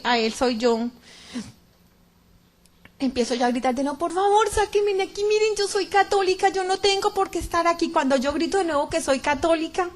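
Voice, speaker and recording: A middle-aged woman giving a fervent, emphatic religious testimony to a church audience, often repeating words. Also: sits high.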